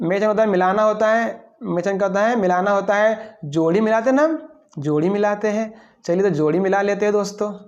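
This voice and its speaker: A man's voice: high-pitched, brisk. Man teaching in a dull lo-fi recording. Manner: asks a question, then answers it himself; playful asides between words. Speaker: English teacher. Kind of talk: online class lesson.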